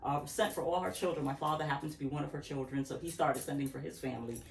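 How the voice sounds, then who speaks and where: A woman's voice: low-pitched, fast, slight background noise. A woman in her fifties, originally from Barbados, talking in an interview at her home workspace; she speaks reflectively, rambling with restarts and occasional laughs. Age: 50s. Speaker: interview guest, natural hair care practitioner. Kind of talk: casual interview talk. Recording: echoey room, far from the mic.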